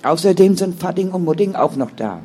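A man's voice: high voice, animated, brisk, warm tone, slight background noise. A man voicing a firm, caring older sister who speaks in an earnest, sometimes stern way. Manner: stern then soothing, earnest.

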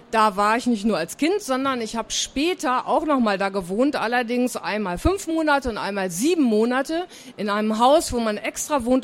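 Woman from northern Germany, children's author, simple and friendly talk to kids. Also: a little high. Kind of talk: author talk and reading to a live audience.

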